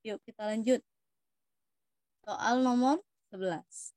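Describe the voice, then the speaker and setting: A woman's voice: fairly high pitch, slow, darkish tone, no room sound. A young woman with an Indonesian accent, patiently explaining math test questions to students as a tutor. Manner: patient, addresses students as "Dik".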